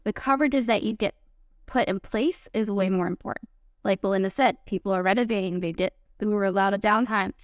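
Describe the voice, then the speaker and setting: A woman's voice: medium pitch, brisk, no room sound, studio quality. A woman guest, an insurance agent, explaining her work in a direct, persuasive way on a casual talk show. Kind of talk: casual chat.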